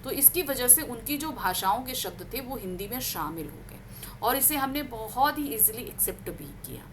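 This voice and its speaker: A woman teaching grammar, reading out word examples slowly with stress and asking her class questions she answers herself. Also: on the high side, expressive, noisy background.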